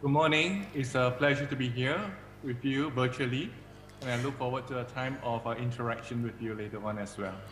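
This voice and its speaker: A man with a Singaporean accent speaks as an academic guest in a polite exchange. His mid-pitched voice comes over a video call and rings through a large hall. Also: steady tone, a little fast, fairly bright tone, soft background music. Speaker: invited academic workshop speaker. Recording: echoey hall, distant video call playback.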